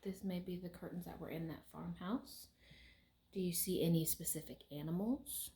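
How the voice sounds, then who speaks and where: Lower-pitched young woman, wry, echoey room. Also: fairly even intonation, normal speed, creaky, dark tone, slight background noise. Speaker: session leader asking questions. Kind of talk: casual questioning and commentary. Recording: roomy, echoey sound.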